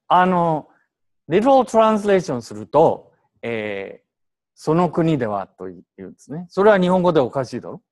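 A man teaching an English translation class in Japanese, prodding students with questions and switching into English. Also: a little high.

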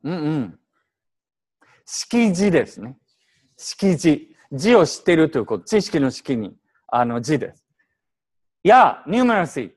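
A man's voice: fairly high pitch, big pitch swings, unhurried, long pauses, darkish tone, breathy edge. A man teaching an English translation class in Japanese, prodding students with questions and switching into English.

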